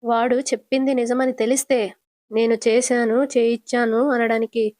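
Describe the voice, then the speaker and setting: A woman's voice: fairly high pitch, little pitch movement, normal speed, a little mellow, no echo, clean studio sound, close to an everyday voice. A woman voicing an arrogant older businessman uncle who brushes off accusations with contempt. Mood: scornful. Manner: contemptuous and dismissive.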